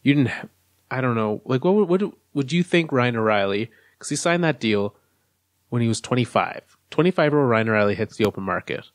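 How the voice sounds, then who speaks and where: A man's voice: mid-range voice, lively intonation, fairly quick, no echo. Dry-sounding analytical man co-hosting. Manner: analytical, lays out arguments step by step. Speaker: podcast co-host. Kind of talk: casual sports chat.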